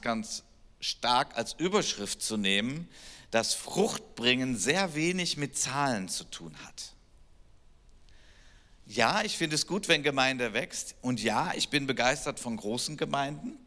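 A man preaching a sermon, animated and emphatic, drawing out key words slowly. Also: mid-range voice. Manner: animated, emphatic preaching with slow drawn-out stresses. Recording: long church-hall reverb.

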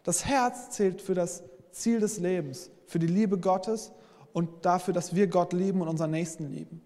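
A man's voice: sits high, steady tone, normal speed, dark tone. Earnest man preaching in a reverberant hall. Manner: earnest, speaks straight to listeners with frequent "hey". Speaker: pastor. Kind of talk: sermon. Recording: long reverb from a large hall.

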